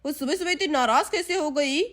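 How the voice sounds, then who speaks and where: A drowsy, kindly village father, as a woman puts him on in a lowered voice that still sits high. He sounds worried for his daughter. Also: fairly quick, fairly bright tone. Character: sleepy kind village father.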